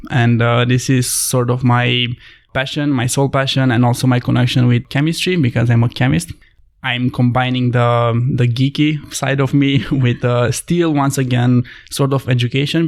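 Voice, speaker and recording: A Romanian man with a mid-range voice and some vocal fry appears as a guest on a conversational podcast interview. He tells his story thoughtfully, his phrasing slightly off.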